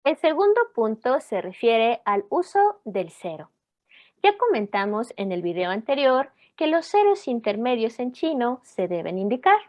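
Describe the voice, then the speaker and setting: Slow, lively-toned woman teaching. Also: a little high. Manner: measured, clear explaining, reads examples slowly. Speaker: language teacher. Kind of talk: scripted lesson narration.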